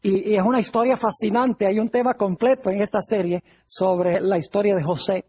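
A preacher with a husky, breathy voice tells Bible stories in a sermon and brings the quoted lines to life. The recording sounds dull and lo-fi. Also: medium pitch, normal speed. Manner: lively storyteller, acts out quoted lines.

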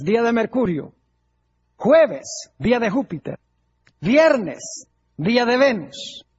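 A man's voice: very high voice, husky, highs cut off. A male pastor preaching a sermon, putting rhetorical questions to his congregation.

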